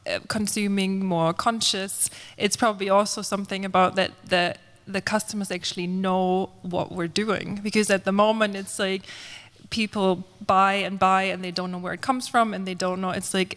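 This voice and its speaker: A woman's voice: medium pitch, a bit bright. Earnest woman panelist in a reverberant hall. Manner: earnest, self-correcting explanations. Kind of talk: panel discussion.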